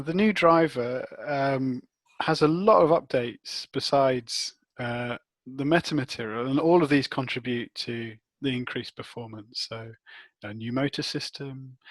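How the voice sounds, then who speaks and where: In a technical interview, a man who heads research and development responds as an expert, reasoning out loud and rewording things as he goes. His voice is mid-range, recorded without echo.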